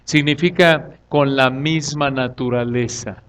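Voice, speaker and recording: A man preaching an expository sermon. He asks the congregation questions and answers them himself, and swings between loud emphatic lines and quiet asides. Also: medium pitch, steady tone, slow pace, slight background noise. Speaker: pastor.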